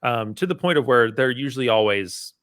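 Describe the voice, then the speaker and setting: A man, a podcast guest who details cars part time, talking in a relaxed, rambling way with lots of "you know" and "um". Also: medium pitch, fairly quick, no room sound, studio quality. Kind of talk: casual conversation.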